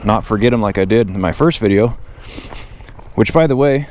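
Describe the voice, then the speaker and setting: Riding outdoors, a man with a fairly low voice narrates his motorcycle vlog at normal speed. The talk is casual and unplanned, thoughts shared with himself and his audience, under heavy road and outdoor noise.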